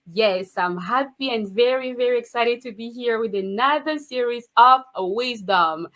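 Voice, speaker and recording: A woman's voice: a little high, a little slow. Effusive woman hosting a faith-based show. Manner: effusive and exclamatory, with a lively, upbeat delivery. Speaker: host.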